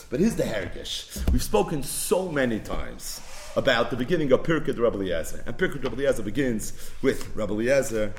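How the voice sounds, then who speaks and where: A man giving a daily Talmud lesson, telling the story in an animated way and often laughing. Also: on the high side, roomy sound, slight background noise. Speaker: Talmud teacher.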